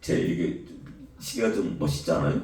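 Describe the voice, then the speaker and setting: An older man preaching as a pastor, animated storytelling, acting out dialogue and asking the congregation questions. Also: a bass voice, normal speed. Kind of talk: sermon. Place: church sanctuary. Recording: echoey church sound from a distance.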